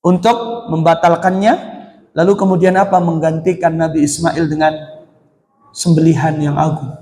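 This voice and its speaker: An Islamic teacher with an Indonesian accent gives a mosque study lecture in an echoey hall, posing questions to his listeners and answering them himself. His voice is a little high and mellow, delivered flatly at a normal speed.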